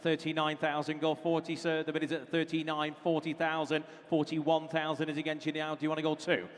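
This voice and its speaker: In a big echoing auction hall, a British auctioneer delivers his bid-calling patter in a brisk, slightly high monotone, repeating numbers and prompting bidders as he goes.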